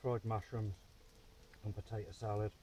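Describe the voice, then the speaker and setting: A man with a low voice talks to his camera from a hammock by the fire. He chats loosely, full of "uh"s and bits of banter. Faint outdoor ambience sits behind him. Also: flat delivery, moderate pace, dark tone, slight background noise. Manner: chatty, bantering, full of fillers. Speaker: bushcraft vlogger. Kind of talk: casual outdoor vlog chat.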